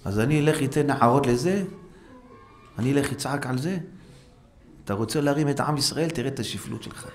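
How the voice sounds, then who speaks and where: Animated man preaching in a synagogue. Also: pauses often. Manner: animated, acts out quoted voices with sharp pitch jumps; rhetorical, repetitive exhortation. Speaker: rabbi. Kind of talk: Torah lesson in a synagogue. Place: synagogue hall. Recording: faint background noise, live stream.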